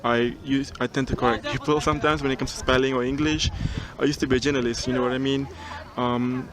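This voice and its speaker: A young man recording a casual video cover letter outdoors on a mountain top, relaxed and chatty, with frequent ums and restarts. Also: mid-range voice, fast, a crowd in the background. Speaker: job applicant. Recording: outdoor recording with clear background noise.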